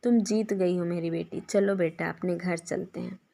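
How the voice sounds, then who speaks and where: A woman's voice: on the low side, fairly even intonation, normal speed, creaky, mellow. A woman voicing a stern elderly father who is proud and grieving, speaking firmly. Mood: tender.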